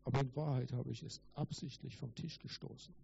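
An ashamed, tearful eight-year-old boy from a story read in a sermon, voiced plainly by a man. The tone is dark and mellow. The recording is a little dull and has faint hiss. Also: medium pitch, fairly quick, creaky. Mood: pleading.

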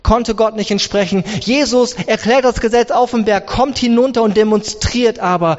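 A man preaching a sermon, emphatic, with his pitch swinging from high to low. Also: moderate pace. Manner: emphatic, rises and drops sharply in pitch. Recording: reverberant hall, dull sound.

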